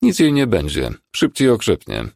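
A man voicing a calm, firm emergency doctor in an audiobook. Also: on the low side, normal speed, creaky, dry recording, studio quality, pitched above the performer's own voice, full character voice. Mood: curt.

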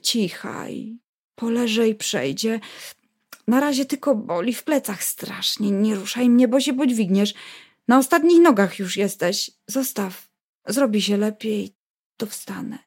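Lady doing a hurt village husband, hushed, faint, strained, barely getting words out. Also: a little high, animated, a little slow, husky, exaggerated voice. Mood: weak. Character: injured peasant husband, weak and hushed.

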